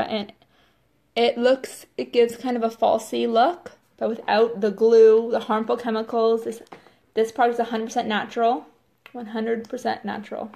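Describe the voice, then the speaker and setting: A woman's voice: fairly high pitch, gravelly, darkish tone. A woman hosting a casual live makeup demo, chatty and filling her talk with "like" and "totally". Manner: chatty, says "totally" and "like" often.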